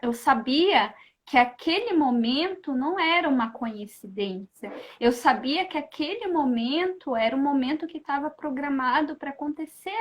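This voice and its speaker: A woman, a guest in a casual chat, telling a personal story animatedly and often tagging her sentences with questions. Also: high voice. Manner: animated, keeps adding questioning tags; acts out her own past thoughts in lively asides.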